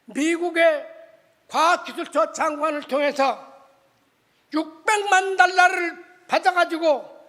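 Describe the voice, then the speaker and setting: Male pastor, sermon, very high pitch, big echo of a church sanctuary. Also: takes it slowly. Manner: impassioned storytelling, swings from shouting to hushed. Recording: reverberant church hall.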